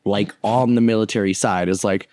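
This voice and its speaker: Laid-back young man with a lowish voice. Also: fairly even intonation, normal speed, a little mellow, no echo, studio quality. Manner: rambling, profane, laughs often. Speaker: podcast co-host. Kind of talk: casual movie review chat.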